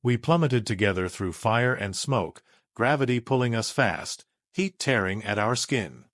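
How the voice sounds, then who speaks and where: A man tells a first-person sci-fi action story in a measured, dramatic way. He takes his time, and his pitch rises and falls freely across each sentence. The recording is dry and close, with no room sound. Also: expressive, a bit bright, no echo. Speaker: narrator.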